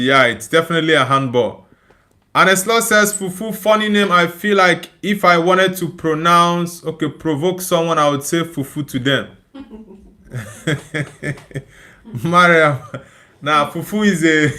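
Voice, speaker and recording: Hosting a casual live football watchalong, a young streamer from Nigeria reacts to the match and reads out viewers' comments, chatting loosely and laughing easily. His slightly high voice for a man comes across as pushed and bright.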